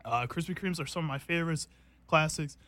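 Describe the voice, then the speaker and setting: A man's voice: a little high, fairly quick, bright, forceful tone, no echo. A young man hosting a casual food taste test, rambling loosely with fillers and laughing often. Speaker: host.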